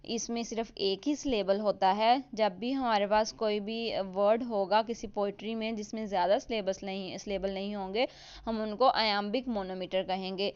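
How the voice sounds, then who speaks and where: A woman explaining a literature lesson in Hindi-Urdu mixed with English terms, reading definitions slowly. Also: medium pitch, steady tone, smooth. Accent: Indian or Pakistani. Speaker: teacher. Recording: dull lo-fi sound.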